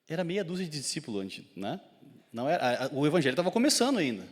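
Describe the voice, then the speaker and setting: A man's voice: fairly high pitch, big pitch swings, fast. A man with a Gaúcho Brazilian accent preaching a sermon as pastor, swelling in intensity and putting questions to the congregation. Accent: Gaúcho Brazilian Portuguese. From southern Brazil (Rio Grande do Sul). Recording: long church hall reverb.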